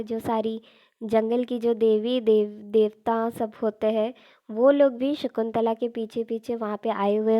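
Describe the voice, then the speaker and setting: A woman's voice: on the high side, mellow. A woman retelling a classic play in a casual, explanatory storytelling manner, dropping in English words.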